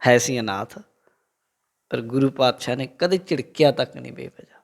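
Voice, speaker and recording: A man's voice: medium pitch, moderate pace, gravelly. A man with a Punjabi accent giving a religious talk, preaching and telling a story to a congregation. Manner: lively, quotes the Guru and tells a story to the congregation. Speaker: Sikh preacher.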